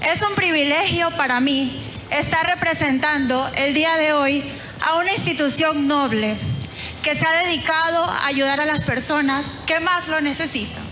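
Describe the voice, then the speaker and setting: A woman's voice: high voice, normal speed, sharp tone. A woman in her twenties with an Ecuadorian accent, giving a formal, earnest pageant candidate speech. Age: 20s. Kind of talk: prepared speech. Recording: noisy recording with background ambience.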